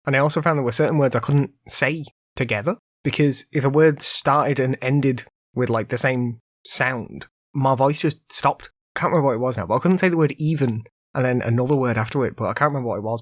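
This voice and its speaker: Speaking fairly quickly in a mid-range voice, a man hosts an informal solo podcast, wandering conversationally with many fillers. His recovery from illness isn't complete, and his voice sometimes gives out. The recording has no echo and a clean studio quality.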